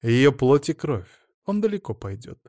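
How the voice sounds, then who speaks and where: A man reading a novel aloud as an audiobook narrator, measured and expressive. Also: mid-range voice, dry recording, studio quality. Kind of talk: scripted narration.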